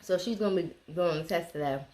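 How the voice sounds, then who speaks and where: A woman's voice: fairly low pitch, quick pace, darkish tone, low-quality recording. A woman chatting casually to camera and companions as she hosts a food taste test.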